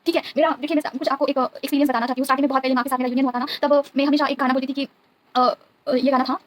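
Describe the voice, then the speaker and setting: Very fast, high-voiced woman spiritual guide. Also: little pitch movement. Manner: devout, keeps asking the listener "okay?". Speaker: tarot reader and spiritual guide. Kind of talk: earnest spiritual talk to viewers.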